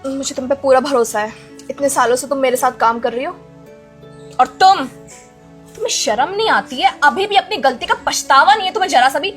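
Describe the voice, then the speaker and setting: A woman's voice: sits high, a little fast, fairly bright tone, soft background music. A woman playing a stern, indignant rich wife. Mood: furious. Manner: scolding, commanding, indignant. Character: wealthy wife and employer, stern and protective. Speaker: lady of the house. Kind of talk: social-media melodrama acting.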